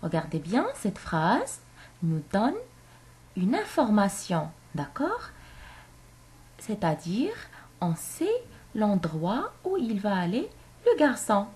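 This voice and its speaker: A woman teaching a grammar lesson to young children, speaking slowly and clearly and repeating phrases for them to say back. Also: mid-range voice, huge pitch swings, darkish tone.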